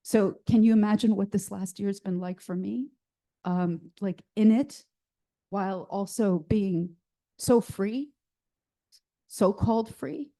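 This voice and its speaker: A woman giving a heartfelt talk as guest speaker at a church service, emotional, with her voice close to cracking and many halting fillers. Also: mid-range voice, steady tone, mellow. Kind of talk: speech to a congregation.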